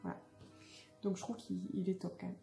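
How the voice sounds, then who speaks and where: Young woman vlogger, casual and halting, mellow tone, echoey room with faint music. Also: fairly low pitch, flat delivery, gravelly. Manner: hesitant, many fillers and restarts. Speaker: beauty vlogger. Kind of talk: casual unboxing chat.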